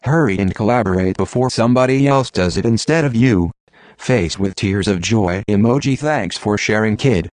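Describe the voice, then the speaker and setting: A man's voice: lowish voice, normal speed, no echo. A computer-generated male voice like an old speech synthesizer, reading a script in a robotic, stilted way. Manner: flat robotic reading, stilted phrasing, emoji names read out literally. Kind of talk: scripted narration read by text-to-speech.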